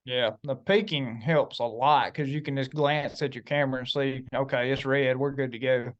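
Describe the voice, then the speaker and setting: A man's voice: mid-range voice, fairly even intonation, normal speed, highs cut off. A man with a Southern US accent casually explaining things as a guest with practical tips. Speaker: guest giving self-filming tips.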